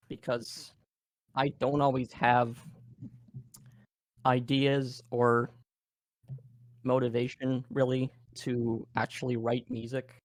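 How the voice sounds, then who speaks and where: A man with a Canadian accent giving a relaxed live workshop demo, thinking aloud with many fillers. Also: medium pitch, dry recording. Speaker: game audio presenter.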